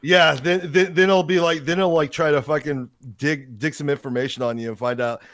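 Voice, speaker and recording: A man's voice: fairly high pitch, steady tone, a little fast, a bit bright, no echo. Mocking co-host man, dry sound. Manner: mocking, acts out others with crude words. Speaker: stream co-host. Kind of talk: casual banter.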